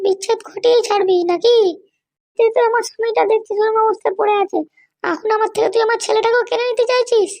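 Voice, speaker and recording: Woman doing a shrill scolding mother-in-law. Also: a little mellow. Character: scheming bullying mother-in-law, older woman. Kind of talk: cartoon voice acting.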